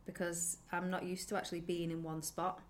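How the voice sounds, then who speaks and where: A woman's voice: lowish voice, flat delivery, slight background noise. A young woman co-hosting a podcast, chatting casually and laughing often. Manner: chatty, giggly, quick to laugh. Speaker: podcast co-host. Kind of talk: casual chat.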